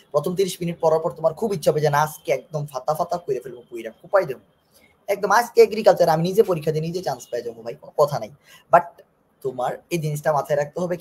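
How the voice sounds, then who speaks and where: Hoarse joking male study coach. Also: a little high, darkish tone. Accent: Bangladeshi Bengali. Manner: joking, teasing, repeats key phrases. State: hoarse from a sore throat. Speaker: online admission coach. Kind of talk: live-streamed lesson reading student comments.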